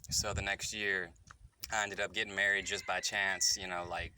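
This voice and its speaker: A man's voice: sits low, flat delivery, bright, forceful tone, slight background noise. A man in his thirties telling a candid personal story to his phone, rambling and correcting himself as he goes. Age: 30s. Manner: rambling, halting and self-correcting. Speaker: vlogger. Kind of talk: candid personal confession to camera.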